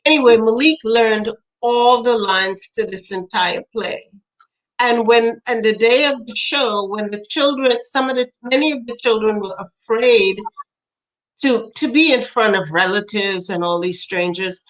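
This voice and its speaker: A woman's voice: a little high, measured pace, low-quality recording. Older woman telling stories in an interview. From Trinidad. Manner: animated storyteller, acts out quoted voices, laughs often. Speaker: poet and author, interview guest. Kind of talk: storytelling in conversation.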